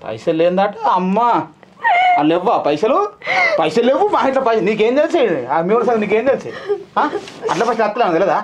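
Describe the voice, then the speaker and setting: A hot-tempered young village husband with a Telangana Telugu accent, as a man plays him in a comedy sketch. He talks at a breakneck clip in a high voice. His tone is scolding and threatening. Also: lively intonation, heavy background noise. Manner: scolding, rapid-fire, threatening.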